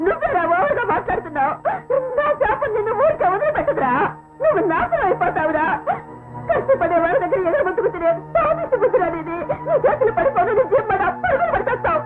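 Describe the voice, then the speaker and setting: A woman's voice: sits high, lively intonation, fairly quick. A fiery, scornful defiant woman. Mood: scornful cursing. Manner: scornful, cursing and taunting. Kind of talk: film dialogue. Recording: tinny narrow-band film soundtrack with music.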